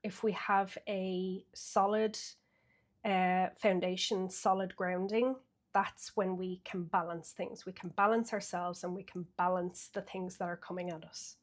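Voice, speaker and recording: This woman from Ireland has a lowish voice with fairly even intonation and a measured pace. Slightly sniffly as she recovers from a cold, she talks casually through a weekly tarot reading, thinking aloud and using lots of fillers.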